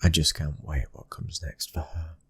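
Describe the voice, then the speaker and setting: In a soft ASMR roleplay, a British man voices a gentle, devoted mafia husband and father with loving tenderness. His extremely deep, very breathy voice often drops to a whisper, delivered evenly and intimately at a moderate pace. The recording is close and dry, and he stays fully in character.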